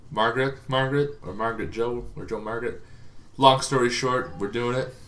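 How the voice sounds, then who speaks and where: Hosting a show on tabletop gaming lore, this man talks to viewers in a casual, rambling explainer style. His voice is medium in pitch, a bit bright, with fairly even intonation and a slightly fast pace.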